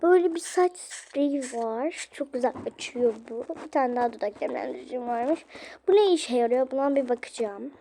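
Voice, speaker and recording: High-voiced chatty young woman vlogger. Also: lively intonation, normal speed, dark tone, slight background noise. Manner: chatty, addressing viewers directly. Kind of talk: casual game play narration.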